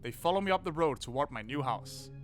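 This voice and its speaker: A young adult man hosts a let's play on a gaming channel, reading the game text aloud in a fairly quick, high-ish voice. He's animated, swearing and laughing often as he reacts, with faint music behind him.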